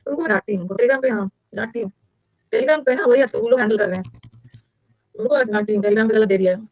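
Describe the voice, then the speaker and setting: Indian woman, exam tutor, brisk and chatty, dry muffled mic. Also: fairly high pitch, darkish tone, no echo. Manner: fast, chatty, switches between Hindi and English. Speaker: English teacher for competitive exams. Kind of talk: live online class.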